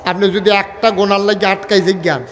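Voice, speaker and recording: A man preaching a waz sermon in colloquial speech, firing questions at the crowd for answers and rising to shouts and chanted lines. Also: high voice, brisk. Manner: calls questions to the crowd for replies; lively, rises to shouts, chants some lines. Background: crowd at an open gathering.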